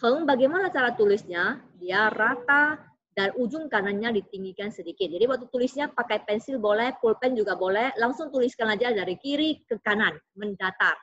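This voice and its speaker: Woman, language teacher, patient, husky voice, dry dull recording. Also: on the high side, animated, fairly quick, a bit bright, no echo. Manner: patient, asks the class questions and answers them. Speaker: Mandarin teacher. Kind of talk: classroom lesson explaining Chinese characters.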